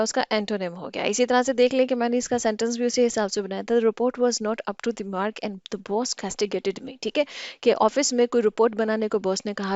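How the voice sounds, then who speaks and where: Woman teaching english words in a hindi lesson, higher voice, keeps asking "theek hai?", dry slightly dull audio. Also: darkish tone, no room sound. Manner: explains patiently, often asks "ठीक है?".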